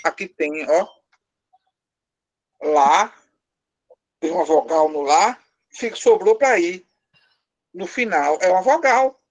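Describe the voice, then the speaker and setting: With a high-sitting voice, this Brazilian Portuguese-accented language teacher takes things slowly and leaves long pauses. He runs a live class, walking through explanations step by step, quizzing the students, and joking with them in a lightly teasing way.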